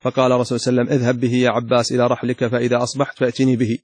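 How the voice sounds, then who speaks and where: A male scholar reads a classical text aloud at a brisk clip and pauses to restate passages with extra emphasis. His voice sits at a middle pitch and is recorded close and dry, with no room sound. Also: monotone, a little mellow, no echo. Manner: reads passages, then restates them in his own words with added emphasis. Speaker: Islamic scholar teaching a lesson.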